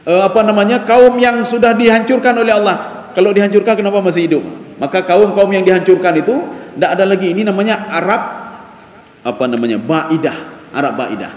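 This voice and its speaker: A man's voice: high voice, fairly quick. A man giving a lecture in a mosque, teaching the congregation and asking them rhetorical questions. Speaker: religious teacher. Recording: echoey mosque hall, faint background ambience.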